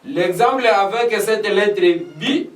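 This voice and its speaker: A man from the Democratic Republic of the Congo teaching a beginner English lesson, slowly repeating every phrase. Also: sits high. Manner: slow, repetitive, spelling out each word. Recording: echoey room, voice from a distance.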